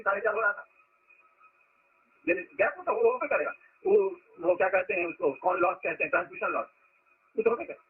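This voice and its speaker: A man's voice: high voice, breathy edge. A man giving a spiritual discourse to followers, telling stories and stressing words to make his point. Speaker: spiritual teacher. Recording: lo-fi phone-like recording.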